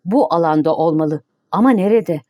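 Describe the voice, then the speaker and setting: A woman reading a measured ship captain. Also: lowish voice, mellow, no echo, studio quality, lightly acted. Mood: earnest. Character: male ship captain, matter-of-fact.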